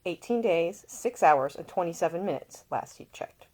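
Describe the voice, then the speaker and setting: At home, a woman author informally introduces and then reads her own fiction as expressive audiobook-style narration. Her voice sits on the low side, a little mellow, with lively intonation at normal speed.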